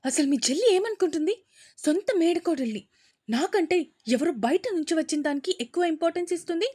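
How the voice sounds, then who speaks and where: A woman voicing a spoiled, scheming young woman who rants loudly on the phone at her father. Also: a little high, normal speed, no room sound, clean studio sound, lightly acted. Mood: angry ranting. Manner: loud, angry ranting.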